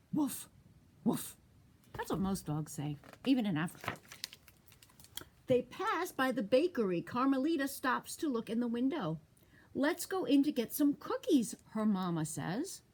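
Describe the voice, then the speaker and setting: A woman librarian reading a picture book aloud to young children, asking them questions as she goes. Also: a little high. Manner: animated, asks children questions. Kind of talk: storytime read-aloud.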